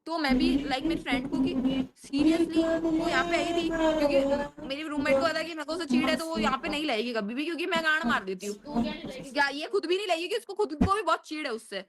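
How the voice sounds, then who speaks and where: A young woman telling a story on a video call, fast, profane and animated. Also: sits high, over a noisy crowd. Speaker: stranger on a video chat. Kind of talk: casual storytelling on a video chat.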